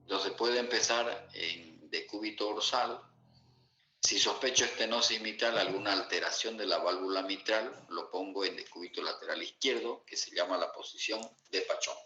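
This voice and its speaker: Male medical lecturer, bright low voice, lo-fi echoey classroom recording. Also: normal speed. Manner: asks students rhetorical check-in questions. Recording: echoey room, dull lo-fi sound.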